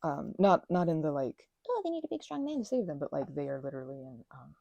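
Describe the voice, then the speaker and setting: A young woman who hosts an ASMR channel chats casually while crafting, her low voice quick and full of vocal fry. She rambles animatedly with sarcasm and mocking put-on voices, recorded close on a mic with dry, dull audio.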